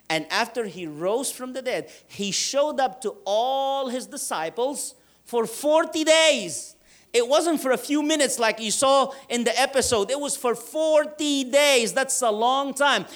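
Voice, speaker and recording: A man's voice: very high voice, a bit bright. Man preaching a sermon. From Egypt. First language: Arabic. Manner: earnest, emphatic with slow drawn-out stresses. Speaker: pastor.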